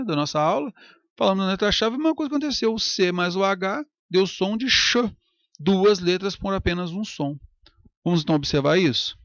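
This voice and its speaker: Lively teacher drawing out words. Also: male voice, a little high, no room sound, clean studio sound. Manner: lively, stretches out example words slowly. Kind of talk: recorded grammar lecture.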